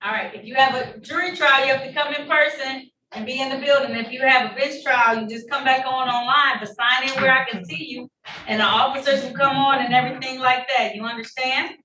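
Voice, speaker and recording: A woman's voice: high voice, steady tone, fairly quick, pushed and bright. A woman judge presiding over traffic court hearings, formal yet friendly as she reads out charges and rulings, heard in a courtroom recording. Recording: roomy, distant courtroom recording with faint noise.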